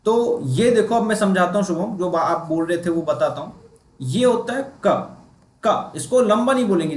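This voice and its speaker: A man's voice: sits high, reverberant. A man teaching a diction class on a video call, explaining patiently step by step and repeating himself. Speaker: acting teacher.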